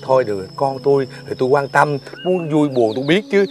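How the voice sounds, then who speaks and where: A man's voice: medium pitch, animated, lightly acted. An actor playing a busy village father who keeps brushing people off, in a TV folk-tale drama. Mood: impatient. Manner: hurried, brushing off, dismissive. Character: busy, impatient village father, middle-aged man.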